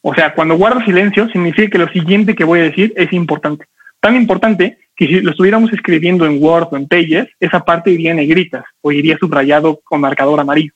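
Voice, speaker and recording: A man coaching an audience on public speaking, talking fast and energetically with lots of rhetorical questions. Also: on the high side, slightly rough, lo-fi sound.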